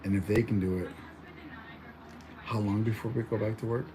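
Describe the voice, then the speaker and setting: A young Mexican-born man vlogs from home in a casual chat, his voice on the low side and steady, at a moderate pace. He rambles, full of fillers and restarts, with noise in the background.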